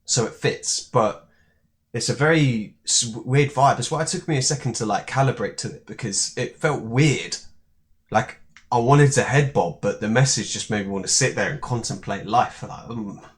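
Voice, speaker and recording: A young man giving casual reaction commentary on a song, relaxed and rambling, with many fillers. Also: mid-range voice, normal speed. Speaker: music reaction YouTuber.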